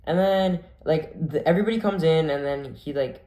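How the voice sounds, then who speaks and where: A man's voice: on the high side, normal speed, warm tone. A young man telling a story casually, full of "like" and acted-out quotes. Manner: chatty, full of "like", acts out quoted voices. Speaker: vlogger. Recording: echoey room.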